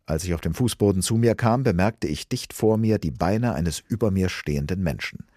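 Brief: male storyteller, very low and husky voice, dry studio. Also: moderate pace, dry recording. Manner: expressive, earnest. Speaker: narrator. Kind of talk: dramatic audiobook reading. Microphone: close studio mic.

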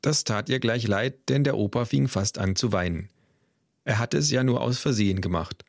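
A man's voice: medium pitch, moderate pace, vocal fry, dry recording, studio quality. A man reads his own children's audiobook aloud, narrating in a playful, slightly exaggerated way. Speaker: author reading his stories.

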